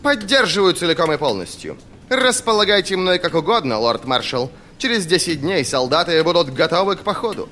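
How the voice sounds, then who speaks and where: A man's voice: on the high side, animated, a little fast, hardly any pauses, sharp tone, a little hiss or hum, pitched above the performer's own voice. A man voicing a jovial, eager-to-please general in an audiobook, hearty and boastful. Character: jovial, fawning male general.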